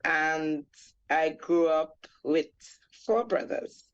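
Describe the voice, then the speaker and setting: Speaking very slowly in a low voice, a reggae singer from Trinidad in her forties tells her life story as a radio interview guest. Her Trinidadian accent comes through as she reflects, storytelling with plenty of fillers, over lo-fi audio.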